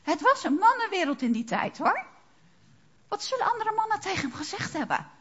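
A woman's voice: extremely high pitch, sing-song, a little fast, lo-fi sound. A woman preaching a sermon, asking the congregation rhetorical questions.

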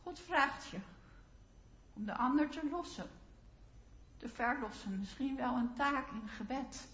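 Slow, high-pitched woman preacher. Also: animated, a bit bright. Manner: earnest, addresses listeners directly. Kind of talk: sermon. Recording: roomy, slightly dull sound.

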